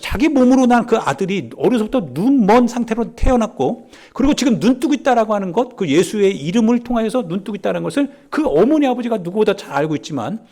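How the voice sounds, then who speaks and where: Male pastor, sermon, high and very animated, swings between loud cries and whispers. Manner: dramatic, swings from loud exclamations to hushed whispers; acts out quoted voices of Bible characters.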